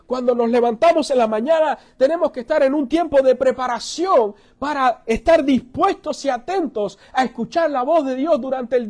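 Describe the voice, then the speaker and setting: A male pastor preaching a sermon, telling stories with animation and dropping to soft, earnest tones. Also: very high-pitched.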